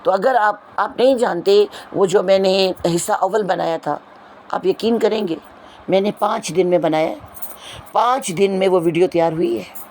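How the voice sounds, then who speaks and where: A woman's voice: medium pitch, darkish tone, a little hiss or hum. A woman teacher explaining a poem to her students in an earnest, lecturing way, with repeated rhetorical questions. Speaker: Urdu teacher. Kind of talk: explanatory lesson, addressing students.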